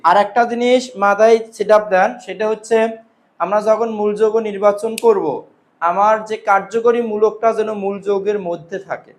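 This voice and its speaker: High-voiced male chemistry teacher. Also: steady tone, normal speed. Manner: drills students with repeated questions and answers. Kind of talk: classroom lecture with call-and-response questions. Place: classroom.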